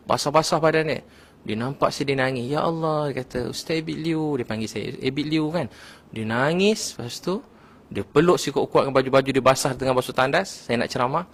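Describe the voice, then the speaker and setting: A Malaysian man giving a casual religious talk, telling stories in an animated way with many "ha" fillers. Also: medium pitch. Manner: animated storytelling, frequent "ha" fillers. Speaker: religious preacher.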